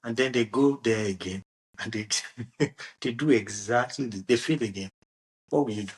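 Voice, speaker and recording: A man hosting a casual football discussion, animated and restarting his sentences often. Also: medium pitch, normal speed. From Nigeria. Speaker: podcast host.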